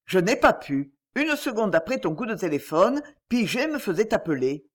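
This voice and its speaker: A reader voices a puzzled male police inspector in an audiobook mystery, reporting back and voicing doubts. He sounds plain and bewildered, and his pitch rises and falls in a lively way. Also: moderate pace. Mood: doubtful.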